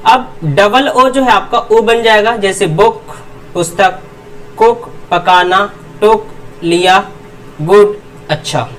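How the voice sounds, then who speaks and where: An explanatory lesson: a teacher covers English pronunciation, repeating rhetorical questions to answer them and slowly drilling word pairs, word then meaning. The voice sits at medium pitch and is a bit bright. Audio is poor, recorded from a distance.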